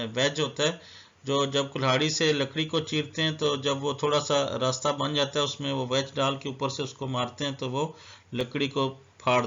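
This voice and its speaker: A man's voice: medium pitch, gravelly, bright, forceful tone, muffled recording. A man teaching a vocabulary lesson. He spells each word letter by letter and explains what it means. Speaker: English teacher. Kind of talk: slow, deliberate vocabulary lesson.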